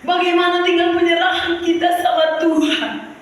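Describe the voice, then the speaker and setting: A woman's voice: very high-pitched, flat delivery, moderate pace, soft background music. A woman preacher giving a sermon, calling out to the congregation and sometimes breaking into song. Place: church hall. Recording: echoey hall, heard from far off.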